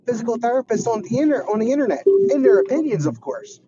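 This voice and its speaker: A man joking around as a guest on a casual live stream, animated and laughing. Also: very high voice, quick pace, muffled recording, heavy background noise.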